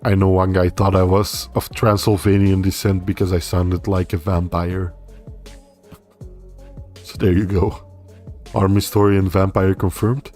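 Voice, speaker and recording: Faint background music accompanies this livestream host, a young man whose first language is Dutch. His deep voice keeps a measured pace with many pauses as he casually reads viewer comments aloud and answers in a relaxed, meandering manner.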